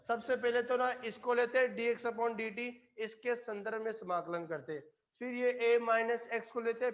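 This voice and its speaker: A man's voice: high-pitched, dull audio. A man teaching chemistry to a live classroom, coaxing and often checking whether the students follow. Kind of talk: classroom lecture.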